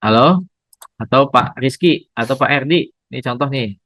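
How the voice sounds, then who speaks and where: Seorang pria membawakan pelajaran trading daring secara langsung, sabar menjelaskan dan menyapa pendengar dengan "Bapak Ibu". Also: male voice, medium pitch, moderate pace, a bit bright, dry recording, low-quality recording. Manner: patient, addresses audience as Bapak Ibu. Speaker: trading instructor. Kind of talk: live online trading lesson.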